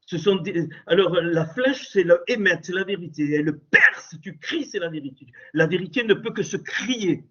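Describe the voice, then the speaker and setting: A man with a strong, loud voice giving an impassioned Torah teaching, animated and exclamatory, moving between soft asides and sudden raised outbursts over a Skype call. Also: high voice, normal speed, hardly any pauses, slightly rough. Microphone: computer mic on a Skype call. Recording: dull lo-fi Skype audio.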